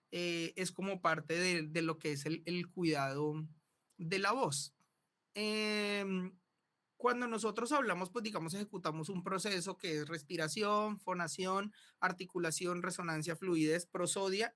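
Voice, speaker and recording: A man's voice: high-pitched, sharp tone. A man teaching a voice workshop, explaining step by step and checking in with his students. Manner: explanatory, often checks in with "¿listo?" and "¿sí?". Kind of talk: classroom lecture.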